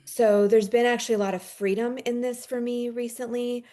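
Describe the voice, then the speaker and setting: A woman's voice: on the high side, fairly even intonation, normal speed, mellow. A woman giving a heartfelt, reflective personal share in a circle, casual and open. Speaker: panel participant.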